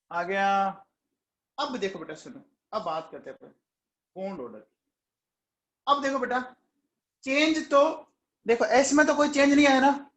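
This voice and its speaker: A man with a notably high voice teaches chemistry in an echoey classroom. He coaxes his students along, keeps asking whether they have understood, and calls on them by name to answer quickly. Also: fairly bright tone. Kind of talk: classroom lecture.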